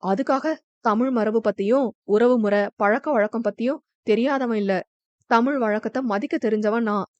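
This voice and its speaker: A woman's voice: fairly high pitch, normal speed, darkish tone, no echo, close to an everyday voice. A woman voicing an earnest young man raised abroad, who defends himself steadily. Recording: dull, dry lo-fi recording.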